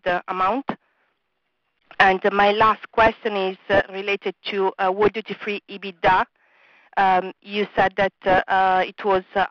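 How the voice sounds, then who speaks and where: A woman's voice: medium pitch, no echo. A woman financial analyst asks her questions politely and carefully on an earnings call, with plenty of fillers. The phone line is dry and muffled, with no room sound.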